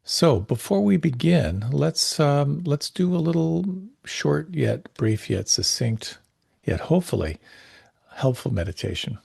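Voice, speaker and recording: A man teaching a guided meditation class, giving gentle, unhurried, soothing instructions with pauses. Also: on the high side, sing-song, vocal fry, husky, no echo, clean studio sound.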